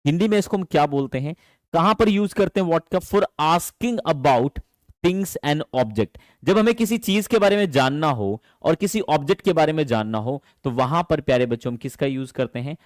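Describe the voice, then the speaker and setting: A man teaching an online English class in Hindi, animated and affectionate, calling his students dear children. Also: a little high, a little fast, no echo, clean studio sound. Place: teaching from home.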